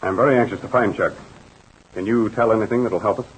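A man acts a heroic aviator captain in a vintage radio drama. He speaks low and fast with calm authority, over faint rumbling noise. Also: natural voice. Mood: brisk, concerned. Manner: brisk, courteous, authoritative. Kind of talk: old-time radio drama acting. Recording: noisy, rumbling old radio recording.

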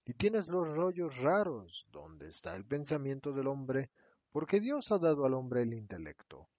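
A man voicing a kind, wise old bearded king who speaks in a measured, solemn way. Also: mid-range voice, wildly swooping pitch, a little mellow. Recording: dull, dry lo-fi recording.

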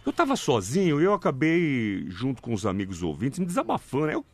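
A man's voice: medium pitch, wildly swooping pitch, brisk. A man co-hosting a morning radio show in casual, joking banter, teasing and laughing. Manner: playful, teasing, breaks into laughs.

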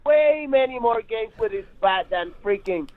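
A man co-hosting a sports talk show, excitable and needling, arguing back in disbelief. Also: high voice, moderate pace. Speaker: podcast co-host. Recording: tinny phone-like line, dry.

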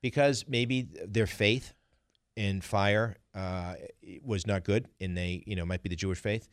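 A man who runs a burial at sea business, talking on radio as a guest, repeating words while pitching his service. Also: measured pace, dry recording, clean studio sound. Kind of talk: radio interview.

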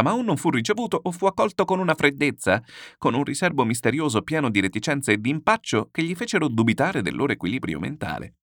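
Lively low-voiced male audiobook narrator. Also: no room sound, clean studio sound. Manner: animated, theatrical reading. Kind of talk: expressive audiobook reading.

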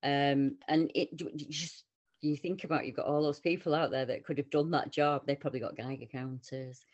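A woman with a Northern English accent, co-hosting a casual round-table podcast chat and telling stories in an animated way. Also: deep voice, moderate pace, dull audio. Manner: animated, lively storytelling with quoted voices. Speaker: podcast co-host.

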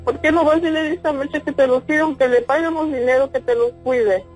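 A woman's voice: high voice, brisk, darkish tone, soft background music. A woman with a Mexican accent, a distraught, swearing mother-in-law venting at length on a phone call. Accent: Mexican Spanish. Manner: distraught, profane, talks in long venting runs. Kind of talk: heated phone conversation.

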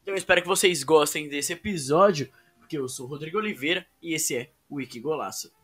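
High-pitched, bright-voiced male podcast host. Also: fast, faint music behind. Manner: informal, addresses listeners directly. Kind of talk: casual football podcast talk.

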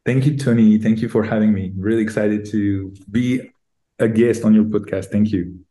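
A middle-aged man from France with a French accent, answering interview questions with many pauses and restarts. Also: fairly low pitch, steady tone, mellow. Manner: hesitant, many ums and restarts. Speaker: guest, tech executive. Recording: roomy echo.

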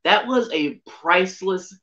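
A middle-aged man with a high-sitting, expressive, sharp voice speaks a little slowly over dull lo-fi audio. He's a podcast guest in a casual interview chat, rambling along with lots of fillers, restarts and self-corrections.

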